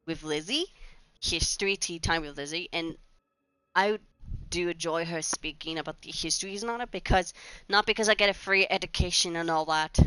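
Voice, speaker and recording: A woman's voice: lowish voice, fairly bright tone, clear, resonant tone, no echo, low-quality recording. A woman, rambling chattily over gameplay with restarts and giggles. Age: 20s. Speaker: gaming channel host. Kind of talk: casual gameplay commentary.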